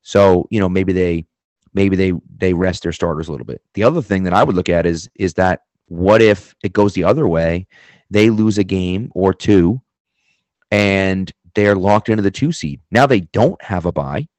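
A man's voice: low voice, normal speed, a little mellow, no room sound. A man with a mild Boston accent giving casual sports analysis as a podcast guest.

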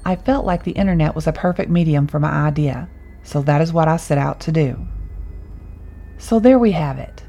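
A woman narrating a horror story in a calm, measured reading voice. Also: deep voice, rough recording.

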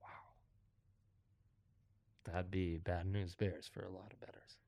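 A man's voice: low-pitched, flat delivery, unhurried, gravelly, warm tone, no room sound, clean studio sound. A man co-hosting a sports betting show, chatting casually and informally.

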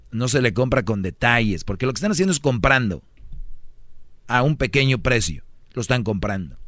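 A man's voice: mid-range voice, pushed and bright, no echo, clean studio sound. A man with a Mexican accent doing a comic, preachy advice monologue as a radio host. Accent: Mexican Spanish. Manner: brash, preachy, mimics voices for jokes.

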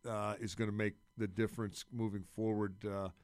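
A man giving casual sports analysis as a radio commentator, haltingly repeating words as he works out his points. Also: on the low side, little pitch movement, darkish tone, clean tone, dry recording.

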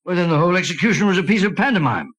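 A bluff middle-aged British doctor from a 1940s radio play. He huffs and blusters, always a little puzzled but loyal. The voice sits fairly high for a man and is recorded very dry. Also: lively intonation, very fast, a bit bright, dry recording. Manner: blustery, huffing, chuckling. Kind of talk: 1940s radio drama acting.

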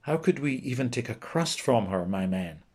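A man reading an audiobook, voicing a courteous, curious young prince in a gentle, formal manner. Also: mid-range voice, expressive, normal speed, husky.

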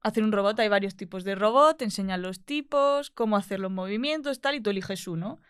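A young woman, chatting casually as a guest and acting out quotes in a lively way. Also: medium pitch, clean tone, no echo, clean studio sound. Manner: lively, quick, acts out quotes. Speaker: guest, engineering student. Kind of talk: casual chat.

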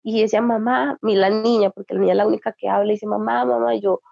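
Grieving young woman, creaky voice. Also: mid-range voice, level tone, warm tone, no echo, muffled recording. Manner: grieving, halting, emotional. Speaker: interviewee. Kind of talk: personal testimony.

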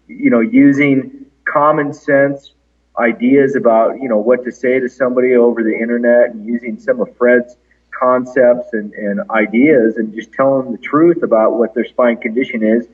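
A man's voice: medium pitch, fairly even intonation, moderate pace, breathy edge, narrow, tinny audio. A man in casual conversational talk, his voice echoing in a large conference room as he speaks as an interviewed clinic founder. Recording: echoey big conference room, band-limited, distant.

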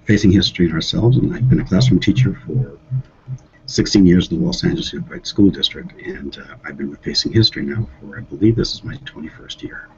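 A veteran teacher, a man who is losing his voice, clearing his throat as he briefly introduces himself. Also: low-pitched, fast, darkish tone, muffled recording, slight background noise.

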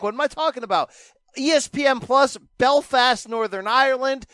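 Male boxing host, high voice, brisk wry delivery, dry close sound. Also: fairly bright tone, dry recording. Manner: brisk, wry, rattling off listings. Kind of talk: casual boxing chat, reading a fight schedule.

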